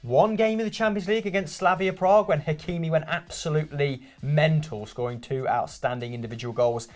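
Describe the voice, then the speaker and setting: A young man co-hosting a casual football chat, relaxed and joking. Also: fairly high pitch, brisk, faint music behind. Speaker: football podcast co-host.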